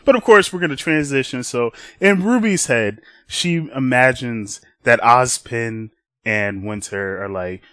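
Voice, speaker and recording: A man's voice: medium pitch, unhurried, fairly bright tone, dry recording. A young man co-hosting a podcast, casually rambling through an episode recap and acting out characters' lines in playful voices. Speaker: podcast co-host.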